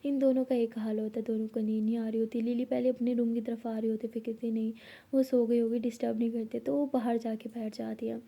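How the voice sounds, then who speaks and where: Young woman casually telling a love story, husky, mellow dark tone, whispers bits. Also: on the high side, level tone, fast talker. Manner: acts out both girls' lines in her own voice, often whispering softly.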